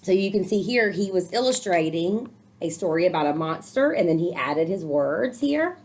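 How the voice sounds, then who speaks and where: Reading a picture book to kids, a woman speaks in a lowish, darkish voice that stays animated at a moderate pace. Slight background noise sits under her expressive reading and supportive, explanatory remarks.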